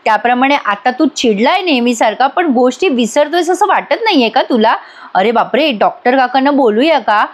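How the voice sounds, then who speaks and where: A woman voicing a sharp-tongued young wife who needles her husband mockingly. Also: sits high, expressive, moderate pace. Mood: teasing.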